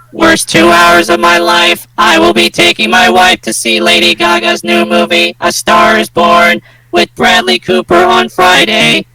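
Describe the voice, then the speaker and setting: A man in a casual chat doing a mock robot voice, reading a post in a slow, flat, mechanical way. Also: very high voice, vocal fry, pitched above the performer's own voice, heavily acted, rough recording.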